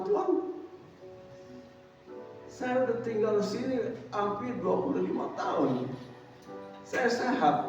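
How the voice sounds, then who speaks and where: A man in his eighties giving a calm, conversational testimony at a church service, quoting his prayers and his family. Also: high voice. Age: 80s. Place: large church hall. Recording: echoey distant church hall, dull sound, music behind.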